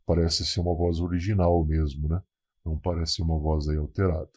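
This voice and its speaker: Extremely deep, dark, filtered male voice. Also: level tone, brisk, slightly rough. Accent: Brazilian. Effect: deep male voice-changer filter. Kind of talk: casual software tutorial narration.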